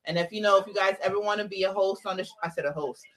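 A woman's voice: medium pitch, very fast, rough recording. A woman co-hosting a podcast in casual, playful, blunt chat. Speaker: podcast co-host.

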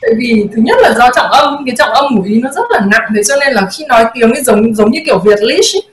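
A young woman co-hosts a casual conversation with a fairly high voice. She tells anecdotes in a lively way and mimics the people she quotes. The sound is roomy, with a noticeable echo. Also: quick pace. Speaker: co-host. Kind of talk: casual chat.

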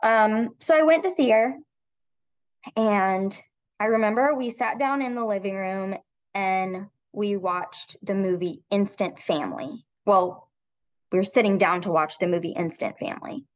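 A woman's voice: medium pitch, unhurried. A woman in her thirties, a podcast guest telling a personal story, speaking reflectively with frequent restarts and filler words.

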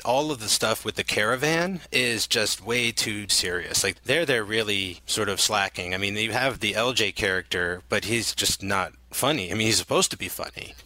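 Bright-voiced man, casual movie chat. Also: fairly low pitch, normal speed, hardly any pauses, no room sound. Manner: chatty, wry, many fillers. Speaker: podcast co-host.

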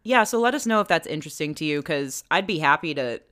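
A woman's voice: low voice, expressive, quick pace, fairly bright tone. A woman co-hosting a podcast in casual comedic chat, playful and easygoing, often echoing her own short phrases. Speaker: podcast co-host.

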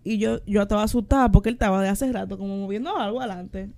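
A woman's voice: medium pitch, steady tone, fast talker, gravelly, darkish tone. A young adult woman, a podcast guest who tells funny anecdotes expressively and quotes herself. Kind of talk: casual chat.

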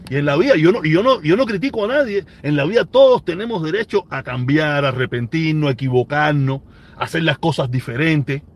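On a casual live stream, this forty-something man answers comments from viewers in a Cuban Spanish accent. His voice leans high, expressive and a little fast, and he stresses his points by saying phrases over again with emphasis.

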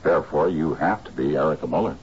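A deep-voiced, sardonic detective. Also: male voice, dull audio, a little hiss or hum. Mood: dry, accusing. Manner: dry, deliberate, sardonic. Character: shrewd, sardonic male private detective. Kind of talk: screen drama acting.

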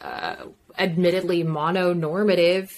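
A woman's voice: lowish voice, fairly even intonation, a little slow. A woman co-hosting a podcast in casual chat, frank and emphatic, swearing and laughing easily. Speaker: podcast co-host.

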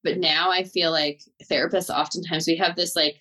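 A woman's voice: fairly low pitch, level tone, normal speed, pushed and bright. A woman with a Southern Californian, slightly Valley girl accent, chatting informally as a therapist being interviewed, peppering her talk with "like" and "totally". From Southern California, United States. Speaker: therapist, guest. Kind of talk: casual interview chat.

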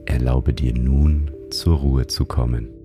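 A man narrates a guided sleep meditation in a soothing, calm manner, like a sleep-story narrator. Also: rumbling low, slow, over music. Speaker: meditation guide and show host.

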